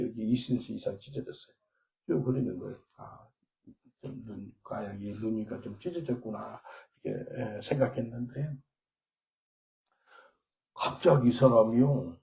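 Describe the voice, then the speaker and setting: Gravelly-voiced pastor preaching. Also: male voice, mid-range voice, highs cut off. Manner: animated storytelling, swinging from loud to quiet; switches into simple English for quoted prayers and dialogue. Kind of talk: sermon with personal testimony.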